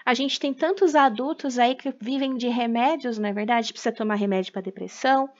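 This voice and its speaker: A woman teacher with a high voice walks young pupils through a lesson, checking in with them after nearly every point. The sound is a little dull and lo-fi. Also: a little fast. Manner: explanatory, frequent tag questions. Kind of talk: recorded class lesson for children.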